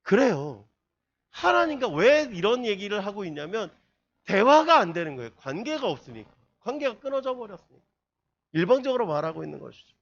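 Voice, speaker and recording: A man's voice: high voice, very animated, fairly quick, creaky. A man preaching a sermon to a youth group, asking his listeners one rhetorical question after another. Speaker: youth pastor. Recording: dull lo-fi sermon recording.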